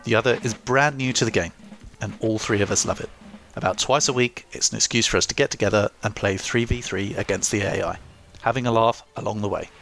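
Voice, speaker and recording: A young man talks through a scripted review of an old strategy game. His delivery is dry and self-mocking, with jokes dropped in flatly. Faint ambient noise sits behind his voice. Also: lowish voice, fairly quick, few pauses. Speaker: gaming YouTuber.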